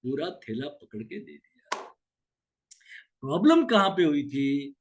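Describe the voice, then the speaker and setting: A man's voice: fairly high pitch, sing-song, takes it slowly, slight background noise. A male yoga teacher giving an explanatory lecture, asking himself questions and answering them, repeating key words for emphasis. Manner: asks and answers his own rhetorical questions.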